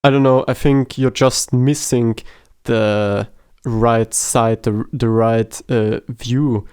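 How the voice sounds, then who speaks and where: A man's voice: medium pitch, fairly even intonation, slow pace, a little mellow, smooth, dry recording, clean studio sound. A man co-hosting a podcast, chatting casually about a film in a hesitant, joking way with many fillers, a native German speaker. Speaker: podcast co-host.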